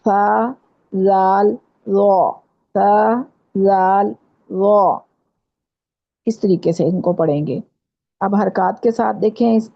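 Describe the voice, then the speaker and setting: A woman with a Pakistani Urdu accent teaching Quran pronunciation in an online class, patiently repeating letters slowly to demonstrate. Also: mid-range voice, vocal fry, breathy edge. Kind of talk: online tajweed lesson. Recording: dull lo-fi online class audio.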